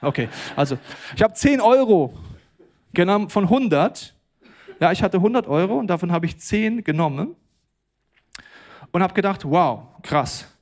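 A man delivers a church sermon in speech. His voice sits fairly high, and he swings from quiet, intimate lines to loud, emphatic bursts. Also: lively intonation, normal speed, long pauses. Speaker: pastor.

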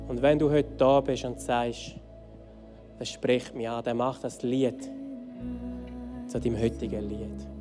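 Man preaching with hushed swings, soft music. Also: mid-range voice. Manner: swings between emphatic loud phrases and hushed soft ones. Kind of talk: sermon storytelling leading into a song.

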